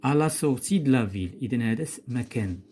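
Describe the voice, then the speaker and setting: A man's voice: mid-range voice, lively intonation, very fast, dark tone, breathy edge. A man with a Moroccan accent teaching a grammar lesson, patient and step by step, quizzing a pupil and spelling words out letter by letter. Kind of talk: recorded classroom grammar lesson.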